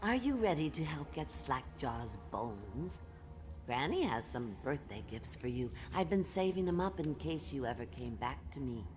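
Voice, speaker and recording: A woman's voice: rumbling low, sing-song, normal speed, music in the background. A woman voicing a mad old cannibal granny in a video game, crooning breathily with doting, menacing endearments. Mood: sweetly sinister. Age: older. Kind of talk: video game character acting.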